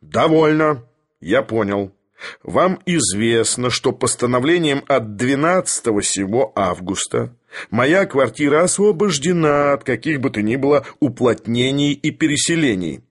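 A man voicing a haughty older professor who speaks in an imperious, lecturing, deliberate manner. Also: medium pitch, animated. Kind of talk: audiobook character voice.

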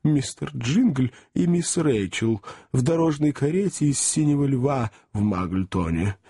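A man voicing a timid male servant who has just run in, halting and nervous before his master. The voice sits a little higher than the reader's own and stays husky. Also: lively intonation, dark tone.

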